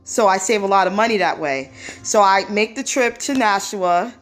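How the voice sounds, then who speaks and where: A woman's voice: medium pitch, moderate pace, soft background music. A woman hosting a casual phone live stream, telling a personal story in a talkative way with many fillers.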